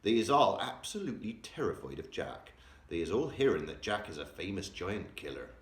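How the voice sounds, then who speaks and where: Man playing a friendly giant, hushed, mangled grammar, lively pitch, roomy distant sound. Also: brisk. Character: kindly big male giant, quirky grammar. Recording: roomy echo, distant mic.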